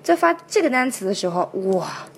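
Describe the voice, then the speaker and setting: A woman teaching how to sing a song, explaining sounds in detail and repeating each word slowly several times to demonstrate. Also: mid-range voice, sing-song, creaky, slightly rough. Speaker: singing and pronunciation teacher. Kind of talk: step-by-step song pronunciation lesson.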